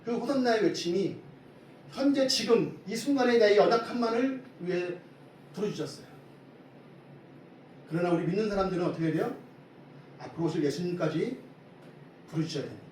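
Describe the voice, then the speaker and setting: High-voiced preaching man in echoey church. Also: fairly quick, pauses often. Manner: lively preaching, asks the congregation questions. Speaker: pastor. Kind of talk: Sunday sermon. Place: church sanctuary. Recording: echoey hall from far off, faint hiss.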